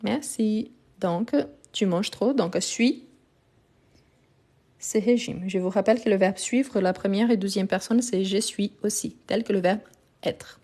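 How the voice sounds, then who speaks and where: A woman's voice: medium pitch, measured pace, dark tone. A woman giving a live online grammar lesson, explaining patiently and repeating the key words, recorded on a phone. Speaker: French teacher. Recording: phone live stream, slightly lo-fi.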